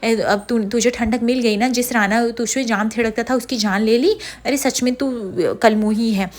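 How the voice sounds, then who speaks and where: A woman's voice: fairly high pitch, steady tone, normal speed, lightly acted. A woman voicing a spiteful relative who taunts and insults, in her own voice. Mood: taunting. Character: spiteful older family woman taunting the bride.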